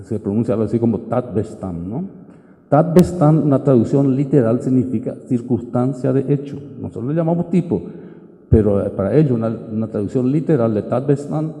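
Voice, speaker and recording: A man's voice: medium pitch, warm tone. A man, a judge from Paraguay, giving an unscripted legal lecture at a conference, thinking aloud with frequent filler sounds. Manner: halting, many filler sounds, reasoning aloud. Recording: echoey hall.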